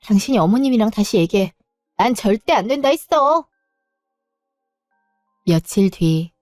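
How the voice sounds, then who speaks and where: A woman's voice: a little high, lively intonation, brisk, darkish tone, no room sound, soft background music. A woman narrating and voicing a wife in a dramatic story reading, firm but polite in her pleading.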